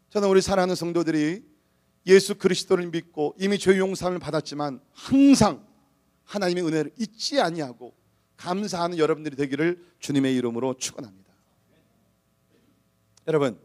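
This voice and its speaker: A man preaching from the pulpit in a high, bright-edged voice. He pushes his congregation for amens, then drops into a low, hushed tone to act out a parable. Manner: animated, swings between loud exhortation and soft low-voiced storytelling. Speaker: pastor. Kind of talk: sermon.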